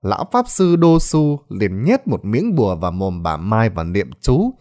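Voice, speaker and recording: A male storyteller narrates a ghost tale with theatrical flair. His pitch swoops up and down constantly. Dramatic and lively. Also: a little slow.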